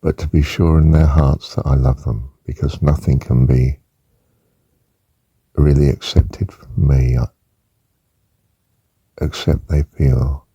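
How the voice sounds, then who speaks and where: An older man gently talking through a reflective monologue with rambling asides and soft fillers. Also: extremely low pitch, slightly rough, dry recording. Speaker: personal reflection speaker. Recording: muffled lo-fi recording.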